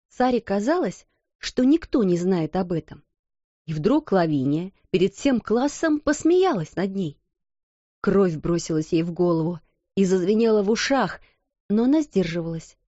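A woman narrating a children's story aloud, animated and acting out the characters. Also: medium pitch, no room sound, dull audio. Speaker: audiobook narrator. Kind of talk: expressive storybook reading.

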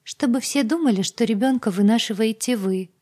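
A tearful young maid pleads in a raised, high and strained voice, as a woman reader puts her on. Her tone stays dark and husky under the pressure, and it rises toward a cry. She sounds like a frightened servant in a storybook audiobook. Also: a little fast, lightly acted. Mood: anxious. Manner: pleading, breathless and high-strung.

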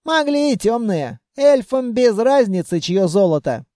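A reader voicing a crafty, stubborn, plump male trickster who haggles and grumbles loudly, in an audiobook. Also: mid-range voice, very animated, a little slow, no echo, studio quality, pitched above the performer's own voice. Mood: sly. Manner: loud haggling, grumbling and scheming. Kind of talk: audiobook reading.

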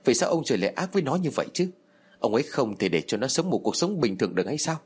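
A man's voice: medium pitch, very animated, very fast, breathy edge. Guy voicing a wailing old mom, frantic and teary, voice jumps all over. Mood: weeping. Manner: tearful, accusing outbursts. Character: grieving, frantic older mother, wailing and blaming.

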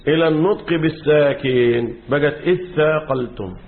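An Egyptian man teaches Quran commentary to a class and keeps prompting his students to finish his sentences. His voice sits a little high for a man and repeats key words as he explains. The recording is thin and phone-like. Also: normal speed. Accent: Egyptian Arabic. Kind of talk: classroom lecture.

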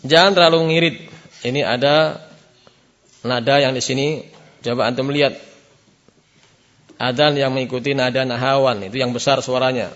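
A man teaching a beginners' Quran recitation class, sounding out letters, having students repeat and chanting verses slowly as examples. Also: mid-range voice, steady tone, a bit bright, highs cut off. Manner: chants verses slowly to show right and wrong. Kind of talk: classroom tajwid lesson. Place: Islamic boarding school class.

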